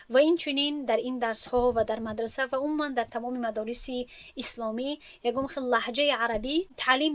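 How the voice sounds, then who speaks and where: A woman teacher, her voice pitched somewhat high, speaks in an earnest, instructive lecture manner, often restating a point in other words. The recording is dry and close, with no room sound. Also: no echo. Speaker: teacher at an Islamic school for women. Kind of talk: lecture to students.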